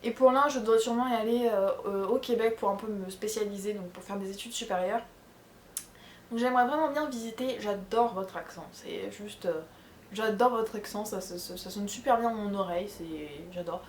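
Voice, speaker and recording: A woman's voice: medium pitch, a little fast, darkish tone, reverberant, slight background noise. A young woman from France with a Charente accent, chatting casually to viewers, rambling with lots of fillers and self-corrections. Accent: French from the Charente region. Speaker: vlogger answering viewer questions. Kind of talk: casual chat. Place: bedroom at home.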